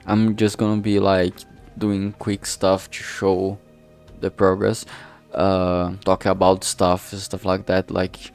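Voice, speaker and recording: His voice is lowish, darkish and monotone with a pronounced creak, heard through a filtered streaming microphone over background music. The streamer, an amateur game writer, rambles in casual livestream chat, halting, losing his thread, hunting for words and swearing offhandedly.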